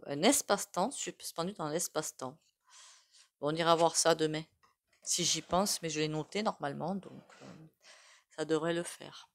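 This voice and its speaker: A woman with a regional French accent talks through a tarot spread for her viewers, her voice sitting a little low. She rambles as she goes, filling the gaps with hesitations and little asides. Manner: chatty, rambling, with many fillers and self-asides. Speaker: tarot reader. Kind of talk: casual tarot reading to camera.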